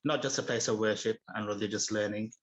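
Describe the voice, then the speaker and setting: Low, flat-voiced man giving a speech. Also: dull audio. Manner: measured, read-out delivery with small restarts. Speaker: mosque community representative. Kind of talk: prepared speech at a civic assembly.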